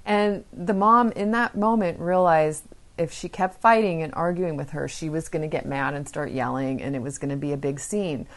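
Low-voiced woman hosting a parenting podcast. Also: normal speed. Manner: calm, earnest storytelling with acted quotes. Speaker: podcast host. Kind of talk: podcast monologue telling parenting stories.

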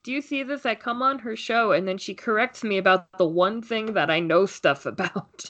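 A woman's voice: mid-range voice, moderate pace, fairly bright tone, muffled recording. A young woman guesting on a casual podcast chat, teasing and sarcastic in a playful, grumbling way.

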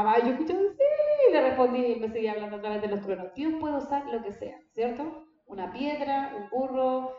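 In a church hall, a female pastor teaches her congregation in a chatty style, frequently asking them questions. She has a high, dark-toned voice, and the recording is dull and heavily echoey.

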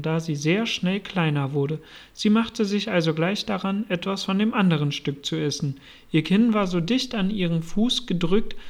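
A steady reader narrates a classic storybook. The voice sits at a middle pitch and takes its time. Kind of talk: storybook reading.

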